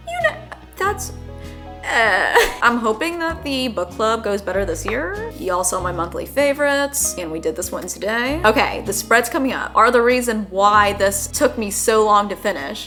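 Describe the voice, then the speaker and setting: Chatty young woman with lilt. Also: mid-range voice. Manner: chatty, upbeat, lightly sarcastic asides. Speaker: book YouTuber. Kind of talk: casual vlog voice-over. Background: soft background music.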